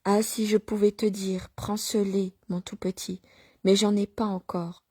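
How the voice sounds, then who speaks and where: A gentle young mother murmurs to her newborn in a soft, half-whispered voice, as a woman reads her lines aloud. The sound is close and dry, with no room around it. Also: medium pitch, flat delivery, a little slow, no room sound, lightly acted. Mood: tender, hushed. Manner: soft, hushed, partly whispered.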